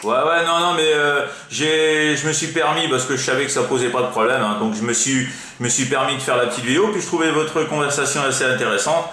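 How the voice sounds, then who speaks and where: Bright and forceful, a French man's medium-pitched voice moves briskly with a steady tone and hardly any pauses. Even so, his casual CB radio chat comes out rambling and hesitant, loaded with verbal tags. The audio carries a roomy echo with faint noise behind it.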